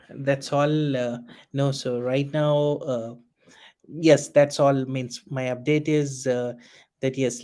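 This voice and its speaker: A man's voice: medium pitch, mellow. A man on an online meeting, agreeable and hesitant, with many fillers. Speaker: contributor. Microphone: video call.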